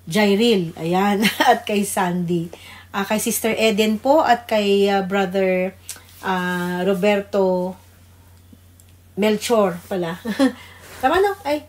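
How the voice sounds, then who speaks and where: Her voice is medium-pitched and unhurried. This Filipino-accented woman, a pastor's wife, co-hosts a devotional radio program, offering informal greetings and prayer in a reverent, conversational manner.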